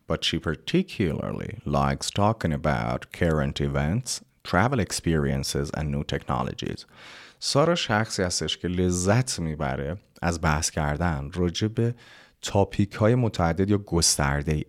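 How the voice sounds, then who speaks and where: Deep-voiced man teaching English vocabulary. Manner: explains, spells out words letter by letter, reads English slowly. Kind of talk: casual language lesson.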